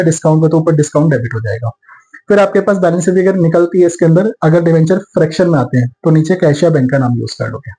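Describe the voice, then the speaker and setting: Male accounts tutor, fairly high, warm tone, Indian accent, step-by-step lecture. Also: rough recording. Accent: Indian English terms mixed into Hindi. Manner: explains step by step, slows to dictate entries. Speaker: accountancy teacher. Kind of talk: classroom lecture.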